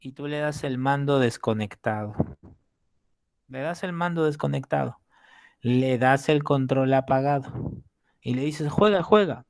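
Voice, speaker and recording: A man's voice: medium pitch, unhurried, vocal fry, pauses often, darkish tone, no room sound. A man teaching an exam-prep lesson, explaining with acted examples and checking in often with the class.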